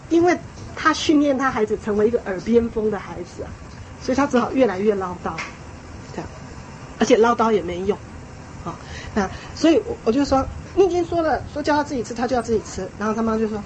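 A woman with a high voice lectures an audience on raising children. She talks in a lively, emphatic way, repeating key phrases and breaking into small laughs. Faint background noise sits under her voice. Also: rough recording. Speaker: parenting speaker.

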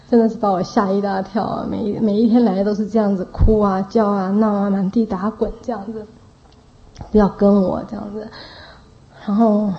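A woman tells a faith testimony about caring for children, circling back with restarts and trailing tag phrases. Her voice is very dark and mellow. The recording sounds dull and lo-fi. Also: medium pitch.

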